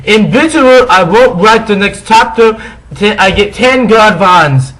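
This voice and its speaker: A man's voice: high voice, expressive, unhurried, fairly bright tone, voice pushed up, rough recording. A man voicing a whiny, defensive, melodramatic teenage goth girl author in a comic dramatic reading. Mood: shrill indignation. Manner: whiny, indignant, histrionic.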